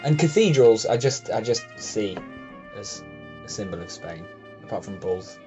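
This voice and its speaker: A man's voice: on the low side, animated, normal speed, dark tone, muffled recording, soft background music. An English man co-hosting a casual podcast chat, rambling through stories with a joking manner and frequent laughter. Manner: jokey, laughs often, rambling storytelling. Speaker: podcast co-host.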